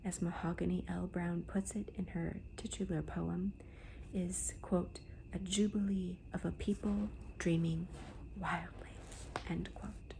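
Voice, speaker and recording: Hushed, whispering woman, slow and creaky. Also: fairly low pitch, little pitch movement, rough recording. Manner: slow, deliberate, gentle pauses between phrases. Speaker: host of a book haul video. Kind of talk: soft-spoken ASMR book talk. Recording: noticeable background noise.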